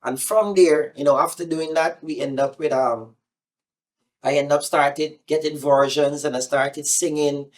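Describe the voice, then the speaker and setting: A man's voice: fairly high pitch, unhurried. Guyanese man telling his story, loose and rambling. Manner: relaxed, rambling, with frequent fillers and restarts. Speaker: singer being interviewed. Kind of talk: casual interview storytelling.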